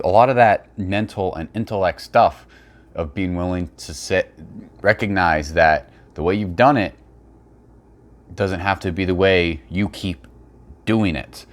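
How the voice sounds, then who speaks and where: A man giving blunt, opinionated, unscripted commentary and explanations as a fitness video creator. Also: deep voice.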